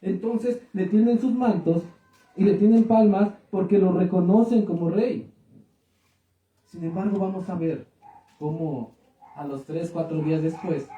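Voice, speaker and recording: A man preaching a sermon as pastor, animated, rising to exclaim prophecies. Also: sits high. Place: church hall. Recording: echoey phone-like sound from far off.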